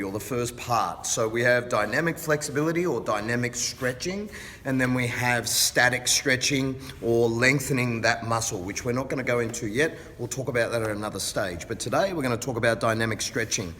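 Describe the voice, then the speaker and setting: A man gives instructional exercise cues in a careful, unhurried, encouraging way at a medium pitch. His voice sits away from the mic in a big echoing space, with noise behind it. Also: a bit bright. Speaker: fitness instructor. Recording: distant mic, reverberant hall, background noise.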